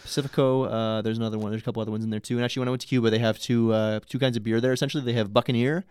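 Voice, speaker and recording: A man's voice: medium pitch, steady tone, racing, a little mellow, clear, resonant tone, dry recording, clean studio sound. A young man chatting casually and rambling in a laid-back way, swearing now and then. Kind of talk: casual chat.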